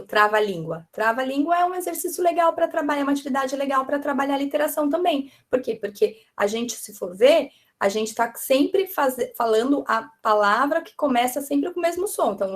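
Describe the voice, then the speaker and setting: Explanatory Brazilian woman, higher voice. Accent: Brazilian Portuguese, São Paulo. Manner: explanatory, uses diminutives and frequent "né?" and "tá?". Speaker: teacher trainer. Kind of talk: online teacher training talk. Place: live stream presentation.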